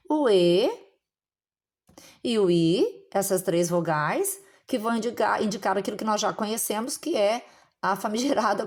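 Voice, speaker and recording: A woman teaching a recorded grammar lesson, explaining patiently and often checking in with her students. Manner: lively pitch jumps on stressed words.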